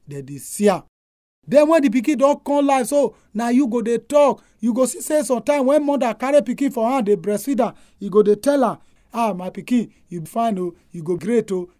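A Nigerian man gives a pastor's talk in Nigerian Pidgin. His voice is soft-edged and mellow, recorded very dry with no room sound. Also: very high voice, dry recording. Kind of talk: family-life sermon.

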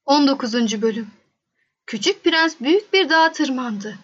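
A woman narrating a children's storybook in a gentle, measured way. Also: high-pitched, animated, muffled recording.

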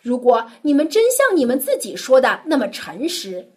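A woman voicing a stern, commanding man of high rank in a children's Bible story, her voice breathy. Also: sing-song, moderate pace, darkish tone, heavily acted. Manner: severe, commanding. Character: stern powerful male governor testing brothers.

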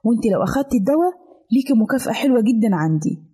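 A woman with an Egyptian Arabic accent voicing a worried, loving mother in a storybook tale, coaxing and gentle. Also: a little high, animated, racing, husky, soft background music.

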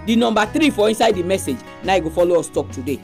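A woman's voice: mid-range voice, expressive, fast, gravelly, darkish tone. A woman with a Nigerian accent speaking Nigerian Pidgin as she introduces a religious radio programme. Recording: music behind the voice.

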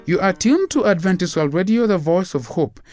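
A man's voice: high voice, expressive, normal speed, music in the background. A man reading formal station announcements as a radio presenter.

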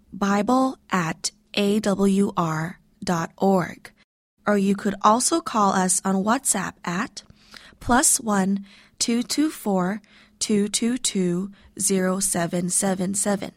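A woman reads a scripted station announcement. Her pace is slow and her pitch is mid-range. The sound is very dry. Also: dry recording.

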